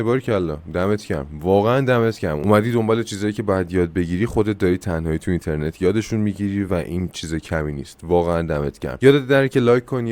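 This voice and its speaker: A man from Iran with a Persian accent, teaching an English lesson in a casual way. He talks fast and chattily in Persian and slows down to say the English examples with care. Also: on the low side, a little mellow.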